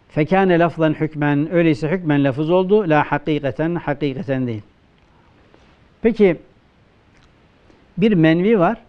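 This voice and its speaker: A man with a Turkish accent, a religious teacher giving a classroom grammar lecture, who poses questions and answers them himself, and slows down to quote texts. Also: on the high side, clear, resonant tone, dull audio. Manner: asks questions and answers them himself, slow emphatic quoting.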